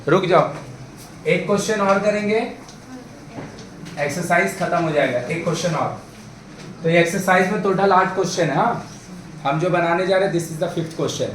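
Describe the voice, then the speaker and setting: A man's voice: sits high, normal speed, pauses often. A man tutoring math students in a classroom, coaxing them along with questions and calling them babu and bhai. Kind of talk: classroom math lesson in Hindi-English mix. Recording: echoey room, mic far off, faint background noise.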